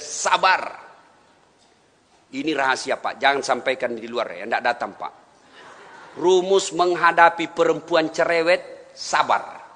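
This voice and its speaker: A man's voice: mid-range voice, pushed and bright. A man giving a humorous sermon, telling stories and chuckling as he talks. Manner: joking, storytelling, chuckling. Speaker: preacher. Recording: reverberant hall.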